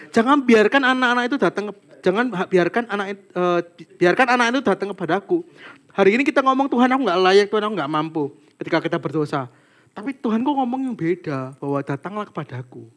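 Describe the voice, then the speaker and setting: A young man preaches to a small church group in a loose, conversational way, speaking. His voice sits high and he keeps breaking off into friendly asides to his listeners. It sounds like an informal talk rather than a formal sermon. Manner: chatty, animated, peppers talk with "guys" and "kayak gitu".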